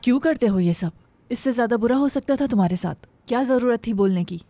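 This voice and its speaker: An anxious mother pleading with her son, her voice high and strained. Music plays clearly under her. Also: lively intonation, quick pace, dark tone, no room sound. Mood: worried. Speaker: worried mother. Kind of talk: Urdu dubbed film acting.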